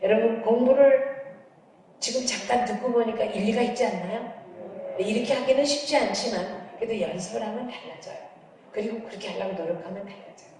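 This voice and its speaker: A woman's voice: a little high, a little fast, distant mic, a little hiss or hum. Middle-aged woman lecturing in an echoey hall. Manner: animated, humorous storytelling that acts out dialogues. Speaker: counseling psychology professor giving a lecture. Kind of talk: lively lecture with acted anecdotes.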